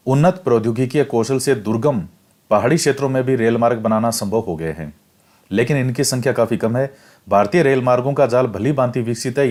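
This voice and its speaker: A man's voice: mid-range voice, darkish tone. Man explaining a textbook lesson. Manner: explains step by step, repeats key facts for exam prep. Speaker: teacher. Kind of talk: classroom lecture reading and explaining a textbook.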